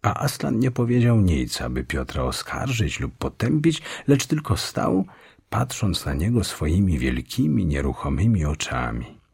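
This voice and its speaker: A man narrating a children's fantasy audiobook in slow, measured storytelling. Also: deep voice, very animated, gravelly, a little mellow, husky. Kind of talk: scripted narration.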